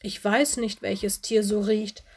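A cheeky young fox cub boy calls out playfully, as a woman voices him, sounding bright and teasing. It is a storybook voice for children. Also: medium pitch, level tone, takes it slowly, husky.

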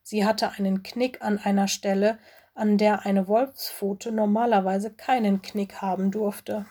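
A woman's voice: mid-range voice, measured pace. Woman reading a children's story. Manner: clear, expressive storytelling. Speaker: audiobook narrator.

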